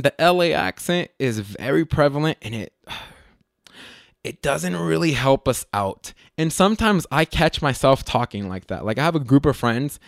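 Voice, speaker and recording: A man's voice: a little high, gravelly, dry recording, clean studio sound. A man who works as a comedian, talking casually to the camera in a rambling way, often stopping to correct himself. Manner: rambling, self-correcting, hesitant.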